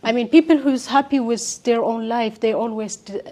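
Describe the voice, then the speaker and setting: Her voice a little high and mellow, a young Ethiopian interviewee tells the story of her life in a hesitant way, broken up by frequent pauses and fillers.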